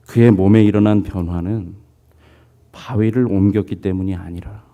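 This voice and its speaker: A man's voice: lowish voice, moderate pace, lo-fi sound. A man preaching a sermon as pastor, telling a story, putting on voices for its people and asking the congregation questions. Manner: lively storytelling, voicing characters, asks congregation questions.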